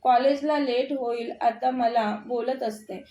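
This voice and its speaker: A woman's voice: fairly high pitch, fairly even intonation, a little slow, dark tone, highs cut off, close to an everyday voice. A woman voicing a cheerful, eager young college student, in an echoey room. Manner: bubbly and eager.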